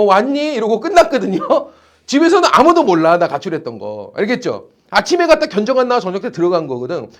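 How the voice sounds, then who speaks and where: Male tutor, high voice, lively swinging delivery, teasing classroom lecture. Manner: animated, teasing, blunt slang with students. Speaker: academy teacher.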